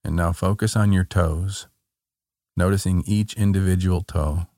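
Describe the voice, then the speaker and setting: A man guiding a body-scan relaxation in a calm, meditative tone, gently giving short soothing instructions. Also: deep voice, a little slow, no echo, studio quality. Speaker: meditation guide.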